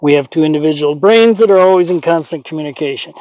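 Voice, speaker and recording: A man working as a horse trainer, calmly explaining a training session and talking softly to the horse in between. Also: a little high, fast talker. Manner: calm, explanatory, talks to the horse between points. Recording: dull, lo-fi with faint noise.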